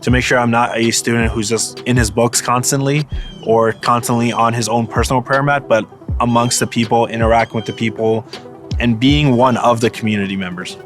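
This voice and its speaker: A man's voice: medium pitch, fairly even intonation, a little fast, soft background music. A young man from Northern Virginia, a seminary student, giving a casual, thoughtful testimonial. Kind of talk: personal testimonial.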